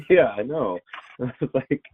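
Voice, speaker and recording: A man joining a sports podcast as a guest reporter, telling stories in an animated way and laughing often, heard over a tinny remote line. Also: mid-range voice, measured pace, husky. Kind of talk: casual sports podcast chat.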